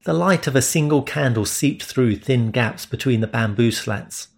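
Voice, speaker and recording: A man reading first-person romance narration in a steady, measured way. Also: mid-range voice, gravelly. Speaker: audiobook narrator.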